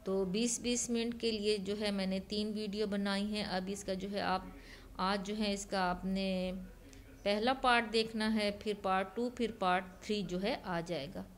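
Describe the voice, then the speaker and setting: Strolling among open-air flea market stalls, a woman narrates a casual shopping vlog. Her mid-range voice is unhurried and fairly even in intonation, and she chats away, leaning heavily on the filler "jo hai."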